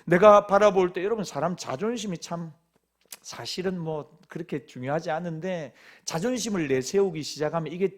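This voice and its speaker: Busan dialect pastor, middle-aged guy, high voice, folksy jokey sermon. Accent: Gyeongsang (Busan). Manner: folksy, joking storyteller in dialect.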